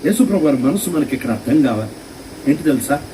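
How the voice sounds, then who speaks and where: A man preaching a sermon at a meeting, telling stories with lively rhetorical questions. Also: a little high, fast talker, distant mic, a little hiss or hum, low-quality recording. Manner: animated storytelling with rhetorical questions. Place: meeting hall.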